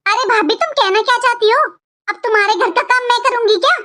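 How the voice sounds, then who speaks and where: A woman's voice: very high voice, brisk, pushed and bright, soft background music. A woman voicing a sarcastic, spoiled young married daughter who taunts her sister-in-law in a Hindi cartoon. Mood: taunting.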